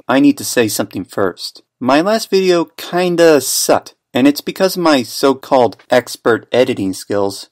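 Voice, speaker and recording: A man's voice: mid-range voice, no room sound, studio quality. A young man who makes cartoons, giving an earnest, self-deprecating scripted opinion commentary. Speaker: cartoon and animation creator.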